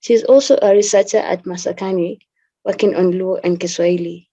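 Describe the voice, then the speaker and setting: A woman's voice: fairly low pitch, steady tone, brisk, mellow, slightly rough, lo-fi sound. A woman hosting an online talk series, introducing the speaker in a formal, scripted way. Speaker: host. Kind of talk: reading an introduction.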